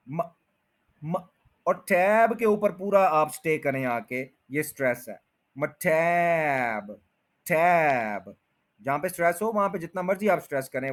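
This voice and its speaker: A man teaching English pronunciation, patiently explaining and slowly repeating each word with drawn-out stressed syllables. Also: a little high. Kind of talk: spoken lesson.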